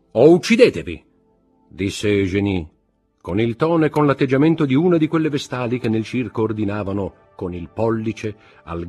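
A man giving an expressive, dramatic reading of a classic novel. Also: sits low, husky. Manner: expressive, varied delivery. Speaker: audiobook reader.

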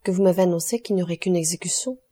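A woman reading the part of an anxious young gentleman asking questions. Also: on the low side, very fast, breathy edge.

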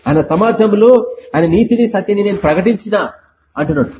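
A man's voice: sits high, moderate pace, noisy background. A man preaching an impassioned sermon, pressing his listeners with rhetorical questions.

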